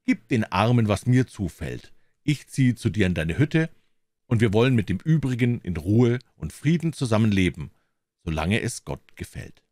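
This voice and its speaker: A man voicing a cheeky, fearless discharged soldier in a spoken fairy tale, brash and mocking, his voice lifted above his own deep tone. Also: sing-song, moderate pace, darkish tone, no echo. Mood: calm. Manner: brash, mocking, self-assured.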